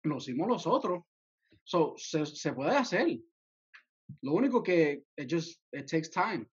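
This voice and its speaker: Young male guest, slightly high and husky, dull lo-fi call audio, mixes in English phrases. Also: sing-song, unhurried. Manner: mixes English phrases into Spanish, many restarts. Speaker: music producer guest. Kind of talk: casual interview over video call. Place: home room, indoors. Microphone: headset on a video call.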